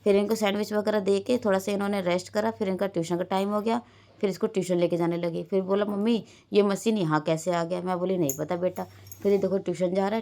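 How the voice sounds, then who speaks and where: A mother narrates her day casually over a home vlog, rambling through everyday stories and quoting her children along the way. Her voice is mid-range with a darkish tone.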